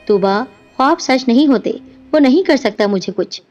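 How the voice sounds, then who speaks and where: A young husband in a spoken horror storybook, uneasy but calm and soothing, as a woman narrator puts him on. The voice is fairly high, with soft music behind a dull, lo-fi recording. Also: lightly acted.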